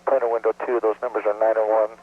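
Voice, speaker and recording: A shuttle crew member speaking over a crackly, narrow-band space radio link, giving clipped, flat procedural readbacks. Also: male voice, on the low side, quick pace, slightly rough. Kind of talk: terse radio communications.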